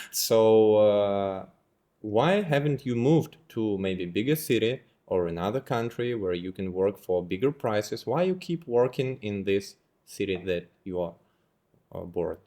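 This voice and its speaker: A man in his twenties interviewing a guest, asking long, rambling questions in non-native English with many pauses. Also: lowish voice, lively intonation, warm tone. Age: 20s.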